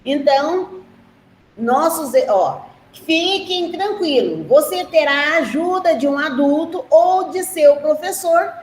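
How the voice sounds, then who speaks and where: A primary school teacher with a Brazilian Portuguese accent and a high-pitched, animated voice teaches young children remotely from a school classroom. She explains slowly and patiently, often checking in with short questions like "né?" and "tá?". The room is echoey with faint noise.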